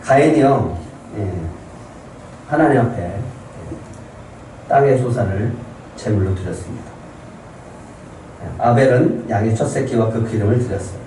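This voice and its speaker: A man's voice: mid-range voice, a little slow, long pauses, dark tone, a little hiss or hum. A male pastor giving a Sunday sermon in a church and putting many questions to the congregation. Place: church sanctuary. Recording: very echoey church hall, mic at a distance.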